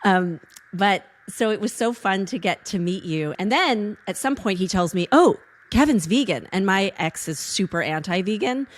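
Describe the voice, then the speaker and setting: A woman's voice: medium pitch, expressive, normal speed. A woman hosting a podcast, chatting in a rambling, friendly way with many fillers. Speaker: podcast host. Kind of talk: casual chat.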